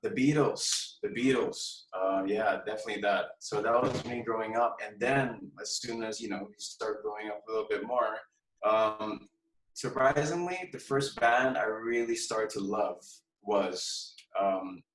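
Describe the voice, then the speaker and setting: A man from Hong Kong, a guest musician chatting casually in an interview, relaxed and hesitant with many pauses and fillers. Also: on the low side. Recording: echoey room, far from mic.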